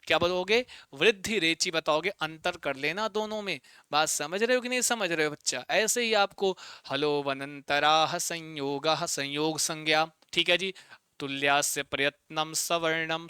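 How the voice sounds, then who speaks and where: A man teaching a Sanskrit exam-prep lesson online, drilling students with repeated check-in questions and spelling out word parts slowly, syllable by syllable. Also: on the high side, sharp tone, smooth, no echo, clean studio sound.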